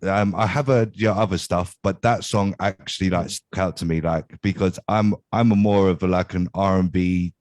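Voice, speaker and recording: A low-voiced man, recorded dry and close. He co-hosts a casual interview podcast with eager, enthusiastic praise and free swearing. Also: fairly even intonation, moderate pace, hardly any pauses, a little mellow, no echo. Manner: enthusiastic, hypes the guest, swears freely. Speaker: podcast co-host and DJ. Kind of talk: casual chat.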